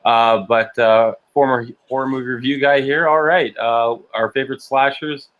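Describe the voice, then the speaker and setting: A man's voice: mid-range voice, fairly even intonation, normal speed, phone-quality sound. A man hosting a livestream interview, talking hesitantly with many ums and uhs as he wraps up questions. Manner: hesitant, filler-heavy. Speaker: host.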